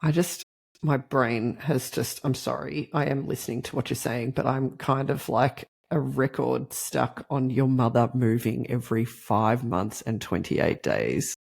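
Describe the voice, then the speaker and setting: A woman hosting a podcast interview, casual and bubbly with quick reactions. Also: very deep voice, gravelly, darkish tone, slightly rough. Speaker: podcast host.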